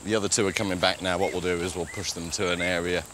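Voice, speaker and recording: A conservationist explaining things outdoors in the bush, in a casual way with frequent ums and uhs. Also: male voice, sits low, flat delivery, fast, a bit bright, a little hiss or hum. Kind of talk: explaining to camera in the field.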